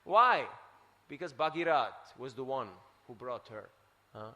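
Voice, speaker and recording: A man from Switzerland giving a scripture class, telling stories in an animated way and tagging his points with "huh?". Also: medium pitch, a little slow, big-room sound. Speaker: preacher. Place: temple hall.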